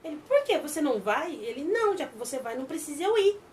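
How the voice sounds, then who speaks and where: A woman with a Brazilian accent casually retelling a drama episode, acting out the characters' lines in quick changing voices. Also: high voice, sing-song, darkish tone, a little hiss or hum. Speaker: drama recap vlogger.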